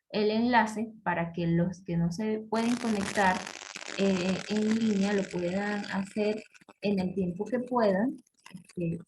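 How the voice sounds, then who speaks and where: A woman French teacher, giving an online class at a slow, unhurried pace. Her pitch sits in a middle range, and she keeps checking that students follow. A faint hiss of noise sits under her voice. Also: a little mellow, rough recording. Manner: slow, explanatory, many "¿ok?" checks and "este" fillers; reads French example sentences slowly with exaggerated pronunciation.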